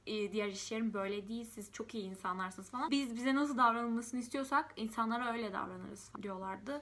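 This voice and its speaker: Bright-voiced young woman telling a story. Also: fairly high pitch. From Turkey. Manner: chatty, emotional, many fillers. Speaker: vlogger. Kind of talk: casual storytelling to camera.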